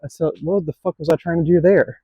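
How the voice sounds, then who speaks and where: A man in his late twenties films a casual skateboarding vlog, his voice fairly high with fairly even intonation and a slightly fast pace. The recording is very noisy. He rambles, puts himself down, and swears now and then.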